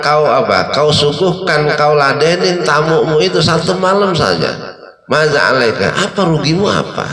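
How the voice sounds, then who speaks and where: Man preaching in an echoey mosque. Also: medium pitch. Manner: lively storytelling, quoting Arabic and explaining it casually. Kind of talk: Ramadan sermon, storytelling. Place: mosque hall.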